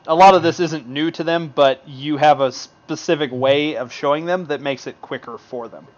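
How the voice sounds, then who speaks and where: Man running a tabletop game, lo-fi sound. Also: mid-range voice. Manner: loose, improvised narration with many fillers. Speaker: game master. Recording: dull lo-fi mic.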